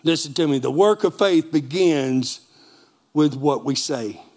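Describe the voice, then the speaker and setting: A man preaching a lively sermon in a church with a Texan accent, calling for amens from the congregation. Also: a little high, a little slow. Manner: animated preaching with call-and-response. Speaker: pastor.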